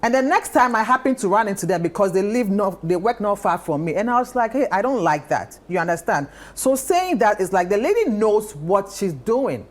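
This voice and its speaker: A woman on a talk panel, telling stories in a lively, insistent way and repeating her points. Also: mid-range voice, fairly quick, hardly any pauses. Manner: animated storytelling, repeats phrases. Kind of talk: casual chat.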